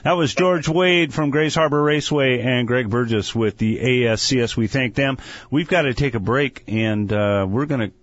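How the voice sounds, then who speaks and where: A man hosting a talk-radio racing show, easygoing and jokey with plenty of filler pauses. The sound is a muffled recording taped off the radio, with the top end dulled. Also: mid-range voice, no echo. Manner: jokey, laughs easily, many filler pauses.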